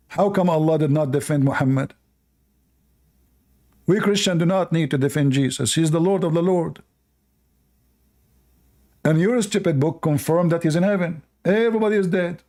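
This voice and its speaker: A man's voice: on the high side, mellow. A man hosting a live debate show, mocking and combative toward callers, speaking English with non-native grammar. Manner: mocking, combative, laughs at opponents.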